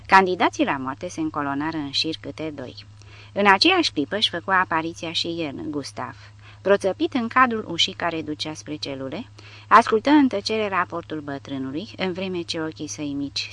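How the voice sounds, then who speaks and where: Male audiobook narrator, steady and measured. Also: fairly high pitch. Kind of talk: scripted narration.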